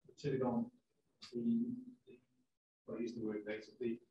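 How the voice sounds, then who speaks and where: A man from the audience, asking a question and telling a halting, rambling anecdote about his time at sea. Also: medium pitch, sing-song, muffled recording. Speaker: audience member. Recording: noisy, roomy audio.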